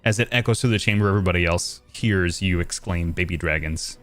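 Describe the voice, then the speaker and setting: A man with a lowish voice runs a tabletop fantasy game as game master. He talks loosely and laughs easily, with plenty of ums. Faint music plays under the voice chat. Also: quick pace. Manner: relaxed, laughing, filler-heavy.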